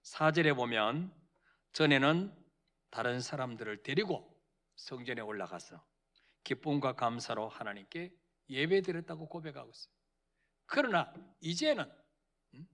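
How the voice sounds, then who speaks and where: A man's voice: mid-range voice, expressive, moderate pace, pauses often, a bit bright. A male senior pastor preaching a sermon in a church, calling out to the congregation and acting out quoted voices. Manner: preaching with call-and-response, dramatic quoted voices. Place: church sanctuary.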